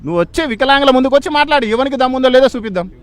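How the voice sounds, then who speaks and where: Fiery fast-talking Telangana man. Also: very high voice, lively intonation, clear, resonant tone. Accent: Telangana Telugu. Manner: angry, defiant, shouting accusations. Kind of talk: street interview.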